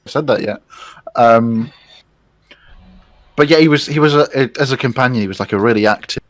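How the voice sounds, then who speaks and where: A man's voice: mid-range voice, fairly quick, no room sound. A man co-hosting a podcast, chatting eagerly with hesitant restarts. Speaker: podcast co-host. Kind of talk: casual chat.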